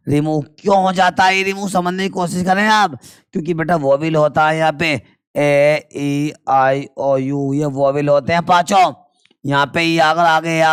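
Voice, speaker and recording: Guy teaching chemistry, keeps quizzing the kids and answering himself, clean smooth voice, dry close sound. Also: fairly high pitch, no room sound. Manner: quizzes students and answers himself, calls them "beta". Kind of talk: classroom lecture.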